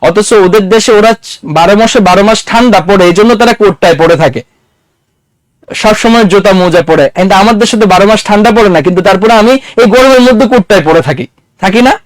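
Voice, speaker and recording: A man's voice: high voice, fast talker, no room sound. A man lecturing a classroom in a conversational way, quizzing his students and mixing English words into his talk. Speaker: teacher.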